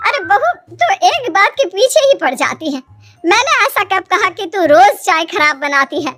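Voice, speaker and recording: A woman doing a fault-finding mother-in-law in a cartoon story who scolds sharply. The voice is very high, with soft music behind it. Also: very animated, normal speed, full character voice. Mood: scolding.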